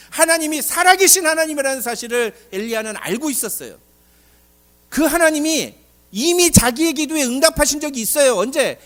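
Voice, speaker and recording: Animated high-voiced male pastor preaching. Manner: animated preaching with acted-out dialogue and rhetorical questions. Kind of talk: sermon.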